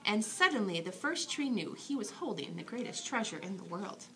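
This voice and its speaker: A woman reads a children's bedtime story aloud in an expressive, dramatic storytelling manner. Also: mid-range voice, moderate pace. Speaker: storybook reader.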